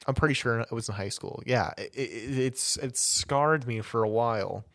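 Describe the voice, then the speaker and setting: Young male co-host, mid pitch, casual rambling storyteller, dry close sound. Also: moderate pace, vocal fry, fairly bright tone, dry recording. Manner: rambling storyteller, many restarts and laughing fits. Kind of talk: casual chat.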